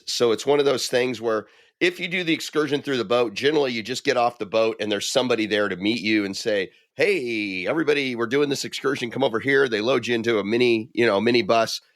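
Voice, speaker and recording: A man's voice: lowish voice, no echo, clean studio sound. A middle-aged man and podcast co-host, chatting casually and telling stories, acting out the quoted voices. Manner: animated storyteller, acts out quoted voices. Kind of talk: casual chat.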